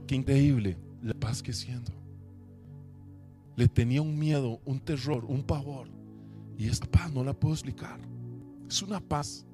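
A man preaching a sermon in church, telling a personal testimony with emotion, rising to loud preaching and dropping to hushed recollection. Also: mid-range voice. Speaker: pastor. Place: church service.

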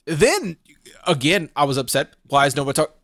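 Slightly high-voiced man, dry close sound. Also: very animated, a little fast, fairly bright tone, no echo. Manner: playful, mock-indignant ranting. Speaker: podcast co-host. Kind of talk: casual chat.

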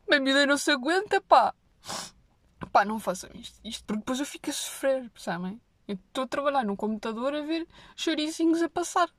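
Young woman, European Portuguese accent, higher voice, dry close sound; comic monologue to camera, big swings into hushed asides. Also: no room sound. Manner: animated, exaggerated storytelling, dropping her voice for asides.

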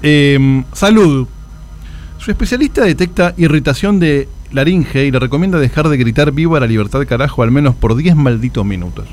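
Man playing a pompous Argentine horoscope guru, animated delivery. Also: medium pitch, lightly acted. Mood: mock solemn. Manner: mock-solemn, formal address, halting when flustered. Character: pompous, touchy male ontological coach and horoscope guru. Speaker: comedian on a radio show. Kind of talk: comic radio horoscope segment.

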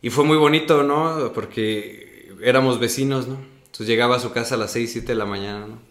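Talking a little fast in a reverberant room, a young man with a medium-pitched voice and a Mexican accent shares his acting story in a casual interview. His telling is animated, with "¿no?" tacked onto many sentences.

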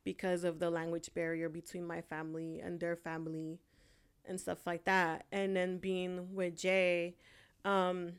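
A woman's voice: lowish voice, completely flat delivery, measured pace, smooth. A young woman from Honduras in casual chat, talking hesitantly with many fillers. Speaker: co-host.

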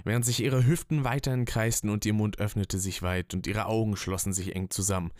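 A man narrates a written story with a steady, even reading. His voice is very low and smooth, recorded dry and close with no room sound. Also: a little fast, dry recording. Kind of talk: scripted narration.

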